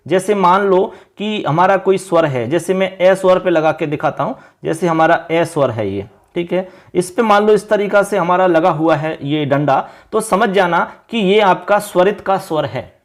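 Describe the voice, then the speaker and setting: Male teacher from India, high-pitched voice, patient and repetitive explanations, online grammar lesson. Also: normal speed, few pauses. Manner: explains patiently, repeats points and checks understanding.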